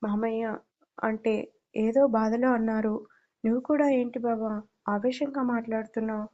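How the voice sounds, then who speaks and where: A woman's voice: a little high, fairly even intonation, moderate pace, mellow, muffled recording, natural voice. A woman reading the part of a tearful young woman pleading with her cousin and uncle. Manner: pleading, upset.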